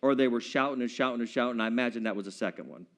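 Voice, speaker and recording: A man's voice: medium pitch, rapid-fire. A man preaching a sermon in a church, playful, acting out scenes in voices and breaking into song.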